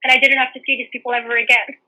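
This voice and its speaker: A woman's voice: a little high, level tone, very fast, bright, forceful tone, rough recording. A young woman from the Netherlands, reflective and earnest, telling a personal story with frequent restarts.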